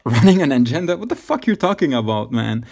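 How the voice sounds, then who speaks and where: A man's voice: mid-range voice, sing-song, quick pace, gravelly, crowd noise. Profane, taunting man on a call. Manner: taunting, profane, mocking laughs. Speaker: scam-baiting video host.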